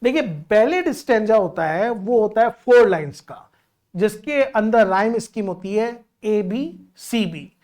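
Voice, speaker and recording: A woman's voice: a little high, a little mellow. A woman teaching literature, explaining a poem patiently and counting out syllables, switching between Hindi and English.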